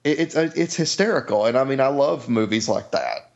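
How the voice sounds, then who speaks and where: Excitable, stammering man, middle pitch, muffled lo-fi audio. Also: creaky. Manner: excitable, halting, repeats words. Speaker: podcast co-host. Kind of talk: casual chat about films.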